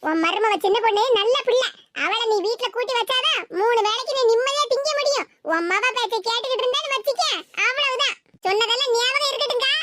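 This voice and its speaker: A hot-tempered cartoon neighbour woman who lays down the law with sharp threats in Tirunelveli Tamil, as a voice actor plays her. Her voice is very high-pitched, and there is a constant layer of noise behind it. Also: fast. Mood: angry. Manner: scolding, threatening, loud. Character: angry, scolding middle-aged neighbour woman. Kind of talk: cartoon voice acting.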